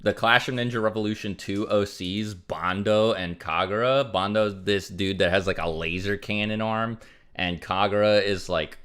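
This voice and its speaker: A man's voice: fairly low pitch, steady tone, normal speed, fairly bright tone, clean tone. A young man streamer casually chatting and answering donations, rambling with lots of fillers. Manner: rambling, filler-heavy, frequent "like" and "um". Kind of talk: casual livestream chat reading donations.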